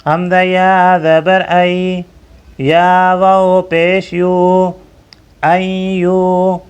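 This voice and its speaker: A man teaching a Quran tajweed lesson. He drills the letters one slow syllable at a time, then explains the rules more quickly. His voice sits high and comes through smooth and resonant. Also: completely flat delivery.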